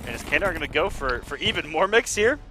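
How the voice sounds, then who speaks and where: A man giving live fighting game commentary in an excitable, informal way. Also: fairly high pitch, fast, faint music behind. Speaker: esports commentator.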